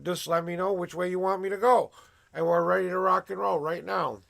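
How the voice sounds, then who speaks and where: A man with a gravelly smoker's rasp, hosting a livestream as a tarot reader in casual, emphatic, effusive patter to viewers. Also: sits high, steady tone, brisk, fairly bright tone. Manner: effusive, emphatic showman, repeating welcomes and promises.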